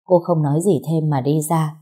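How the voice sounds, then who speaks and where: A woman narrating a dramatic story in a steady, measured way. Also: deep voice, husky.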